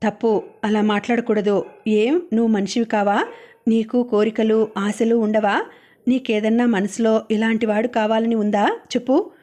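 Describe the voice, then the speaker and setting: A woman voicing a gentle, caring older lady of the house in a storybook reading, speaking softly and coaxingly. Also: a little high, little pitch movement, lightly acted. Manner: soft, coaxing, unhurried.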